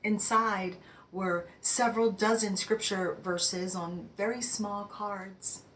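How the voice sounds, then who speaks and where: A devout older mother tells her story very slowly and reflectively, played by a woman in a stage read-through. Her voice sits at a mid pitch and sometimes sinks into a soft whisper. It is a measured, heartfelt dramatic monologue. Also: steady tone, slight background noise. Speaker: actor reading a monologue.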